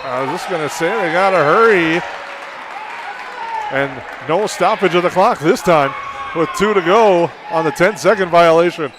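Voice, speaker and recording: A high-voiced man calls a high school basketball game play by play. His calls come quick and rise to a shout when the action heats up. The broadcast carries plenty of gym noise and the thump of a bouncing ball behind him. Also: crowd noise. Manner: rapid calls that rise to shouts on big plays. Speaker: play-by-play announcer.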